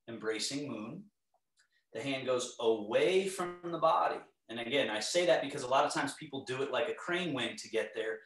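A middle-aged man teaching tai chi, giving calm, serene, step-by-step movement cues in a measured way. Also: medium pitch. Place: indoor home living area. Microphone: camera across the room. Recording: echoey room, distant microphone.

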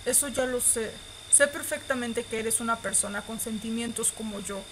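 A woman reads through a romance visual novel, her voice sitting a little high. She stays expressive the whole way, squealing and laughing at the sweet moments. A faint noise hums under the recording. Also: moderate pace. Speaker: streamer reading a visual novel aloud. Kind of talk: reading game text aloud with live reactions.

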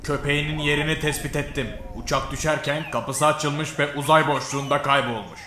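Brief: man playing a blunt, commanding professor, sharp-edged voice, brisk pace, echoey room. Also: fairly high pitch, fairly even intonation, slight background noise, pitched below the performer's own voice. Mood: curt. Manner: blunt, commanding, calls the player stupid. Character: gruff male inventor professor, curt and insulting.

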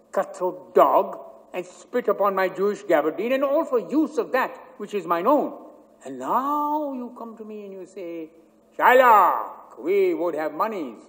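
A man's voice: sits high, full character voice. A man playing a bitter, proud, wronged old moneylender, declaiming with scorn in a reverberant hall. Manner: declaiming, scornful, with mounting outrage.

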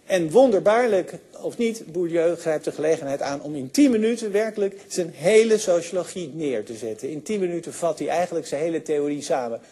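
An older man giving a university lecture, enthusiastic, often pausing with fillers and restarting his sentences. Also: fairly high pitch, animated, mellow, breathy edge. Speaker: sociology lecturer.

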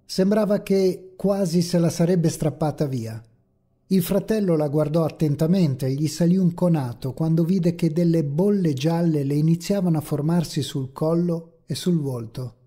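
A man narrating a horror story in a measured, ominous way. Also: fairly high pitch. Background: faint dark ambient music.

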